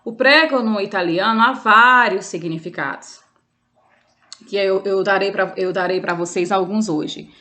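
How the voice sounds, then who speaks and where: A woman's voice: medium pitch, fairly bright tone. A Brazilian woman with a Brazilian Portuguese accent, an Italian teacher giving an online language lesson, explaining patiently with frequent fillers and restarts.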